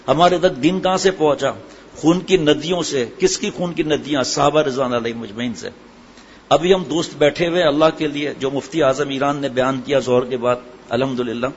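A middle-aged man preaching a sermon, asking his listeners questions and answering them himself. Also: on the high side. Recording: hall echo, dull sound, faint ambient noise.

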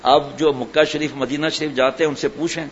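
A man's voice: a little high, fairly even intonation. A man giving a sermon as a religious teacher, telling everyday stories and asking rhetorical questions. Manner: storytelling, folksy, rhetorical questions. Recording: slightly dull recording with faint noise.

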